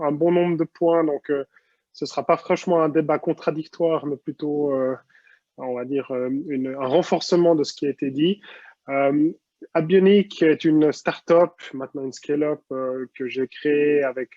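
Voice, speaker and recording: A man's voice: on the high side, darkish tone, no echo, dull audio. A man, company co-founder, giving a fluent, structured presentation over a video call. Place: online video meeting.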